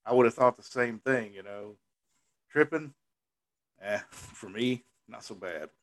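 A man with a lowish voice co-hosting a casual podcast conversation. He talks in a measured, thoughtful way, and his sentences often trail off quietly. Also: steady tone. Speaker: co-host.

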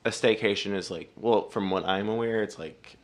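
A man chatting casually on a podcast as a guest, hesitant and full of fillers, joking with a deadpan delivery. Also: on the low side, moderate pace.

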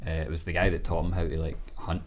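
A man's voice: very deep voice, level tone, fast talker. A man with a Glasgow street accent chatting casually and telling anecdotes in blunt, sweary language. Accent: Glaswegian Scottish.

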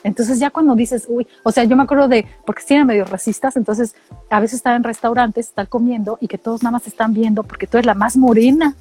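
A middle-aged woman from Mexico with a Mexican accent, telling animated, slangy stories in casual chat and acting out what people said. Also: a little high, fast, slightly rough, faint music behind. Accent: Mexican Spanish. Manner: animated storytelling, slangy, acts out quotes.

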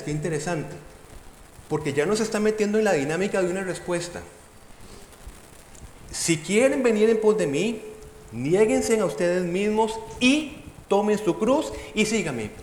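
A male preacher delivers an emphatic sermon, his high voice swinging up and down as he puts rhetorical questions to the congregation. The sound is roomy, with a long hall reverb. Faint noise sits underneath.

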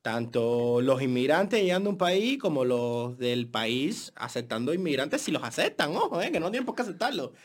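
A young man from Latin America talks on a casual podcast with a lively, rising and falling voice. He presses his point, often repeating himself for emphasis. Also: mid-range voice, moderate pace, few pauses. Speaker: podcast co-host. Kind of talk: casual chat.

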